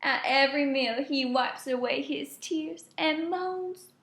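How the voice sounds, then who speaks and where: A woman teacher reading a picture book aloud with animated storytelling and asides. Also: high-pitched, unhurried, roomy sound.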